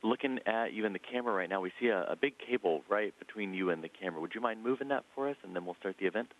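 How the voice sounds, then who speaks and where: A man working as mission control communicator, making crisp formal radio calls over a muffled radio link. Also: lowish voice, racing. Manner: crisp formal call-outs. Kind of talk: radio call procedure.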